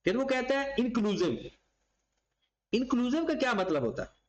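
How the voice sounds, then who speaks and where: A man teaches a class, his voice sitting high for a man. He walks through each term by asking the question aloud and then answering it, in an even teaching tone. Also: normal speed, low-quality recording. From Pakistan. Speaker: accounting lecturer. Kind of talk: classroom lecture.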